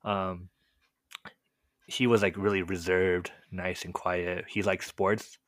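Guesting on a podcast, a young man from the US, a native Korean speaker, recounts his life and childhood in a laid-back, meandering chat heavy with "like" and "um". He speaks slowly in a low voice, and the studio audio is clean with no echo.

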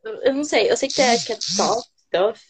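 A woman's voice: fairly high pitch, animated, quick pace, a crowd in the background. A Brazilian woman talks casually about learning English. She is talkative in her own language. She hesitates and repeats herself when she tries English words. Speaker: student. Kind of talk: casual chat.

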